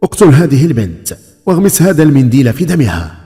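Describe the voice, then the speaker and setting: A man's voice: mid-range voice, sing-song, fast talker, warm tone, pitched above the performer's own voice. A man voicing a volatile, commanding king in a folk tale, exclaiming dramatically. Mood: furious. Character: volatile, grief-stricken king, commanding and emotional. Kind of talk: folk tale character acting.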